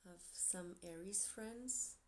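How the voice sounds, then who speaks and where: A tarot reader from Portugal, with a Portuguese accent, chats to camera while giving a reading, meandering along with light laughs. Her voice is lowish, slow and a little mellow, with slight background noise.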